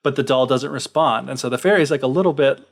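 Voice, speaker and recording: A man's voice: mid-range voice, fast, creaky. A man co-hosting a podcast, casually retelling a folktale with lots of fillers. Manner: animated, filler-heavy retelling. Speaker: podcast co-host. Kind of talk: casual storytelling.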